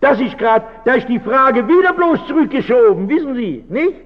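A man's voice: extremely high pitch, expressive, moderate pace. A male pastor gives an earnest talk, pressing his listeners with rhetorical questions. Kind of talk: reflective talk to an audience. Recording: dull recording with long hall reverb.

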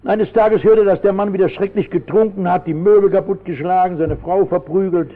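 Fairly quick and with fairly even intonation, a high-voiced man preaches passionately, moving from quiet asides to abrupt shouts as he relates his story. His sermon comes through a thin old radio broadcast that sounds like a phone, with lengthy church reverb trailing each line.

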